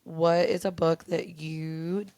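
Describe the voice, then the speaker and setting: A woman's voice: low-pitched, little pitch movement, takes it slowly, dark tone, no echo. A woman co-hosting a book club podcast, chatting casually and enthusiastically about a novel. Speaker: podcast co-host.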